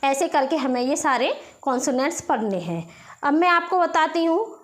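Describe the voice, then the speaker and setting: A woman's voice: high-pitched, expressive, normal speed. A woman with an Indian accent teaching a spoken English lesson, explaining step by step and checking in often.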